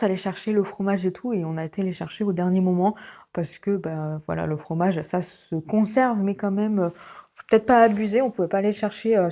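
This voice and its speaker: A woman's voice: medium pitch, mellow. A woman vlogging her day in casual chat, with a sore throat, often dropping to a whisper. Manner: chatty, often drops to a whisper. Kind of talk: casual daily vlog chat.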